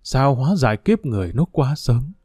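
Old monk figure, grieving father, slow solemn cadence, dry and close, read by a man. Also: medium pitch, big pitch swings, darkish tone, breathy edge, no echo. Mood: anguished. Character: grieving elderly monk, bereaved father, forgiving.

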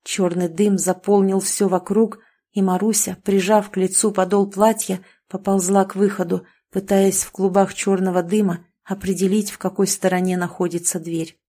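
A woman reads a story aloud in a steady, expressive way. Her voice is mellow and dark-toned, with an even, mid-range pitch. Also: moderate pace. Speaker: narrator. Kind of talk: scripted audiobook narration.

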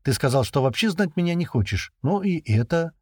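A man's voice: on the high side, big pitch swings, a little fast, a little mellow, no echo, studio quality, pitched above the performer's own voice. A man reading aloud and voicing a naive, chatty young woman who pleads and takes offence easily. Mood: pleading.

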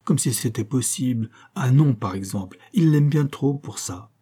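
A man's voice: medium pitch, expressive, normal speed, mellow, breathy edge. A man voicing a small, sweet-voiced young woman who speaks earnestly and with emphasis in an audiobook. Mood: pleading insistent.

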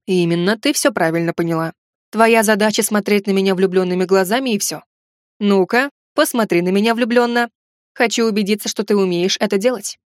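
A woman's voice: mid-range voice, fairly quick, no echo, close to an everyday voice. A woman voicing a sardonic, teasing grown man in an audiobook, with a dry, mocking, bossy manner. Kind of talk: audiobook character voice.

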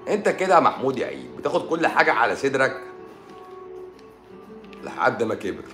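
A man's voice: medium pitch, huge pitch swings, fairly quick, sharp tone, reverberant, faint music behind. An Egyptian man with a sore throat, a doctor hosting a live stream, chatting casually and sarcastically while answering viewers' comments. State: sore throat and swollen eye.

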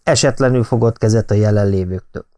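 A man reading an audiobook novel in calm, measured narration. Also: lowish voice. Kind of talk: scripted narration.

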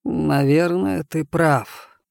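Man reading as a stern blunt wolf, slow measured delivery, dry close mic, storybook audiobook. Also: on the high side, lively intonation, a little mellow, no echo. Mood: conspiratorial. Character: stern, loyal grown wolf, gruff and blunt.

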